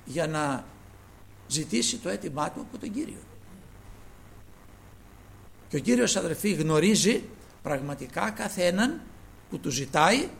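A man preaching a sermon, addressing his listeners as brothers and moving between quiet asides and loud emphasis. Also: high-pitched, gravelly, a little hiss or hum, low-quality recording.

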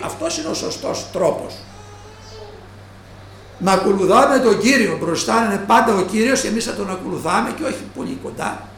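A man preaching a sermon who slows down and stresses each quoted line of scripture. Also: high-pitched, vocal fry, a little hiss or hum. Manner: slow, stressed quoting of scripture. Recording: echoey room.

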